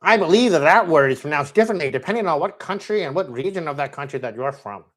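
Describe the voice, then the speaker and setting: A man's voice: a little high, lively intonation, quick pace. A man hosting a live-stream Q&A in casual chat, enthusiastic and rambling, often correcting himself mid-sentence. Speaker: host.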